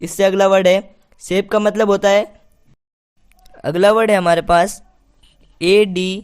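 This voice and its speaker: A man gives a patient pronunciation lesson in a high, smooth, clear voice. He repeats each point and then asks it back to the listener as a question. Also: level tone, a little slow. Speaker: English pronunciation teacher. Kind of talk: spoken lesson.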